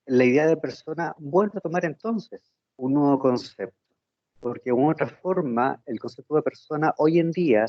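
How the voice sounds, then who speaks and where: A man's voice: medium pitch, a little mellow, no echo. Male professor on a choppy, breaking-up line. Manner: measured, with frequent "eh" fillers. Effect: choppy, breaking-up audio from a bad connection. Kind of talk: online university lecture. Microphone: computer microphone on a video call. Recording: dull, lo-fi and dry.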